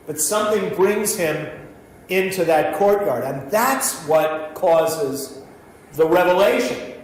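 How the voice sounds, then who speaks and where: A man from New York with a New York accent, teaching a Bible study as a pastor in a slow, deliberate way. His voice sits a bit high and he often stops to restart a phrase. The sound is very echoey, with a faint hiss behind him. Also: lively intonation. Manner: slow, thoughtful, with frequent fillers and restarts. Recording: echoey room with faint noise.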